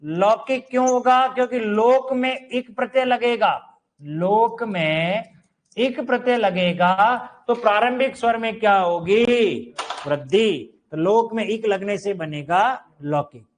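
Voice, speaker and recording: Male teacher, high voice, unhurried delivery, repeats key words and checks in with students. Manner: explains slowly, repeats words, checks with 'clear?'. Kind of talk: classroom lesson on correct spelling.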